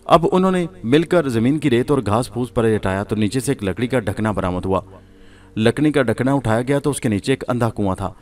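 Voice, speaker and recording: A man's voice: medium pitch, expressive, a little mellow. Man narrating a suspense story. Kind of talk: scripted narration of a suspense horror serial.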